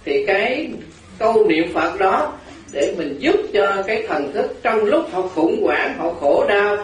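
Folksy monk in echoey hall. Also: male voice, high-pitched, very animated, unhurried. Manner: folksy storytelling and teasing. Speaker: Buddhist monk. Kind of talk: humorous dharma talk. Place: large hall with an audience. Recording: echoey hall, crowd laughter, distant mic.

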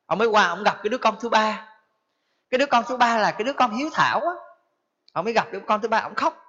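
High-voiced Southern Vietnamese preacher. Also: male voice, rapid-fire. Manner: lively storytelling, asking the audience. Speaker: Buddhist preacher. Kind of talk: storytelling sermon. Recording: dull lo-fi recording.

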